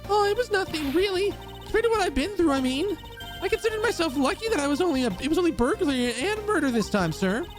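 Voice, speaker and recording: A man's voice: extremely high pitch, big pitch swings, fast talker, over music, pitched above the performer's own voice. A man voicing a timid, gushing young woman, effusively polite and unlucky, for a video game. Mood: gushing, self-pitying.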